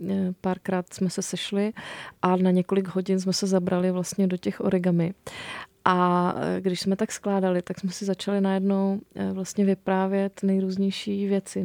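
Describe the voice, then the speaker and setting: A woman's voice: medium pitch, warm tone, no echo. A woman, an author and radio guest, talking hesitantly with fillers and then reading her book aloud in a studio. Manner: hesitant, with many fillers when talking freely.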